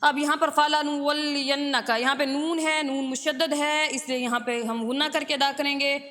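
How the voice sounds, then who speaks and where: A woman teaching a tajweed lesson who recites Arabic verses slowly and drawn out, then explains the rules in brisk, steady speech. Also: high voice, long reverb tail. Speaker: Quran teacher.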